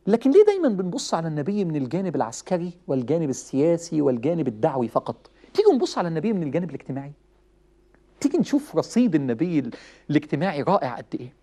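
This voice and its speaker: Egyptian guy preaching fast, animated storyteller, chuckles a lot. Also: on the high side. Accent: Egyptian Arabic. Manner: animated, chuckling, acts out quoted lines. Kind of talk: lively religious talk with storytelling.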